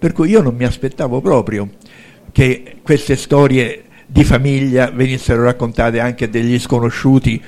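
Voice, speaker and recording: An older man narrating fairy tales aloud to listeners, lively and conversational. His voice sits at an ordinary middle pitch. He keeps breaking in with little fillers as the story rolls on. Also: normal speed. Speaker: author and storyteller. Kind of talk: live storytelling to an audience.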